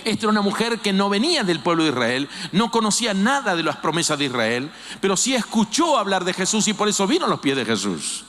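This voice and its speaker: An older man preaching a sermon as a pastor, animated and acting out quoted voices. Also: high voice, fast, hardly any pauses. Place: church. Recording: long hall reverb.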